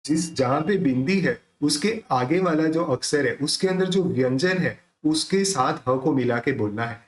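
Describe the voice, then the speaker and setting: A man teaching pronunciation of a devotional hymn, explaining patiently and then reciting its verses slowly, syllable by syllable. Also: fairly high pitch, lively intonation, roomy sound. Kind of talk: pronunciation lesson with slow chanted recitation.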